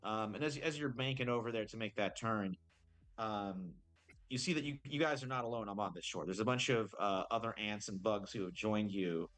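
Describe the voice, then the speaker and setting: A low-voiced man runs a tabletop game as game master, describing the scene in a loose, improvised ramble. He pauses and corrects himself often, and faint music plays underneath. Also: a bit bright. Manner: rambling, full of fillers and self-corrections.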